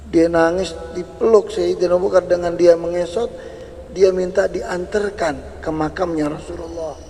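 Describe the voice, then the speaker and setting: A man preaching a sermon, telling a story in an animated way and repeating key words for emphasis. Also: sits high, gravelly, slight background noise. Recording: reverberant hall.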